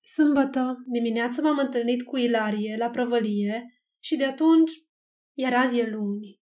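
A portly, self-important older man speaks in a pompous, measured way. The woman narrating plays him close to her own fairly high voice. Rather than acting him fully, she keeps the figure plain. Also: a little mellow, lightly acted. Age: 60s.

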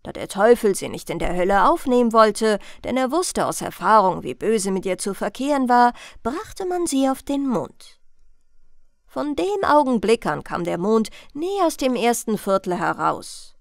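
A woman reads a fairy tale aloud as a bedtime story for grown-ups. She keeps a slow, soothing pace, while her fairly high voice moves expressively up and down. The sound is dry and close to the mic. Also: very animated, gravelly, dry recording. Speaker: audiobook narrator.

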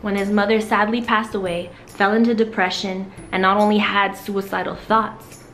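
A woman's voice: mid-range voice, flat delivery, normal speed, a bit bright, soft background music. A young woman hosting a casual talk show, upbeat and earnest. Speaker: host.

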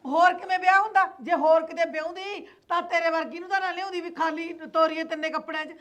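A woman's voice: very high-pitched, fairly even intonation, quick pace, fairly bright tone. An actress playing a scolding, sarcastic mother-in-law with a Punjabi accent in a family drama skit. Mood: scornful. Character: sharp-tongued middle-aged mother-in-law. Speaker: mother-in-law demanding dowry.

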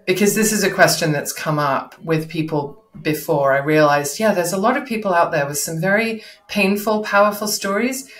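Her voice is on the low side, with a moderate pace and hardly any pauses, as this middle-aged woman coaches on public speaking during an interview, asking rhetorical questions and offering examples. She joins by video call from an echoey indoor room, with no visible headset.

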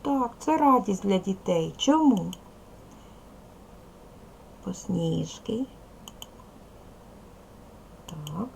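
A woman's voice: mid-range voice, very animated, very slow, creaky, long pauses, a little mellow, a little hiss or hum, low-quality recording. A woman with a Ukrainian accent teaching young children in a recorded video lesson, patient and speaking to them directly. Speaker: primary school teacher.

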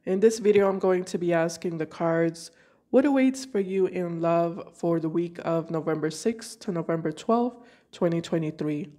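A woman with a lowish, warm voice reads tarot cards for her viewers at a normal speed. She's sick with a cold and talks casually, thinking aloud and restarting hesitantly. She sits in a room at home with a decorated card table.

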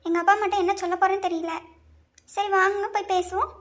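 Shrill, coaxing young cartoon wife. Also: female voice, flat delivery, quick pace. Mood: pleading. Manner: coaxing, teasing, whiny. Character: young wife, playful and pleading. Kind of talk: cartoon voice acting. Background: background music.

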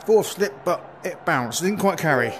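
A man giving relaxed, chatty running commentary on his own play in a VR cricket game, with quick exclamations. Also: on the high side. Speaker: gaming video creator. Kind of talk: live commentary while playing a VR cricket game. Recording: steady background noise.

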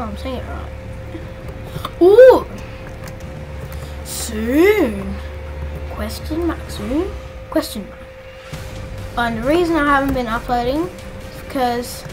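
High-voiced excitable woman gaming. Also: measured pace, pauses often. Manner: excitable, chatty, squeals when thrilled. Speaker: gaming YouTuber. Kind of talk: casual gameplay commentary. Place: home room with the door shut. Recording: clear game music underneath. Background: game music.

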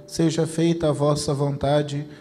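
Mellow Brazilian man chanting prayers. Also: on the high side, unhurried. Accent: Brazilian Portuguese. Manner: steady chanted recitation. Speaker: rosary prayer leader. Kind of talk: recited rosary prayer. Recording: long reverb with faint noise.

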